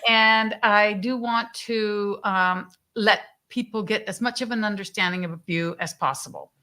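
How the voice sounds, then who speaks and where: Effusive bright-voiced woman host. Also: mid-range voice, measured pace. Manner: effusive, warm praise, many fillers. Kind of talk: live stream interview. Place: live stream video call.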